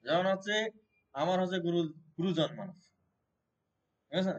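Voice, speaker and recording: At a Shiva temple gathering, a man teaches a devotional Gita class, explaining point by point and often quizzing his listeners, repeating and restarting along the way. His voice is high and at normal speed, and the recording is muffled.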